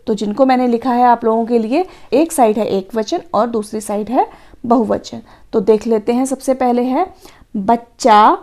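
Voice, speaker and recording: A woman teacher slowly and patiently explaining grammar from a worksheet, step by step. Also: on the high side, mellow.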